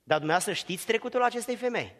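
An impassioned male preacher delivers a sermon in a church hall. He has a high, bright, forceful voice and stacks his repeated phrases into shouted peaks. A long reverb trails after his words. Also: expressive. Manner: impassioned, builds to shouted repetitive crescendos.

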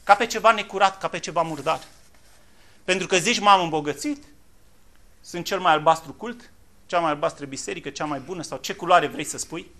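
A man preaching a fiery sermon in a church, swinging from quiet, low passages to loud, impassioned appeals.

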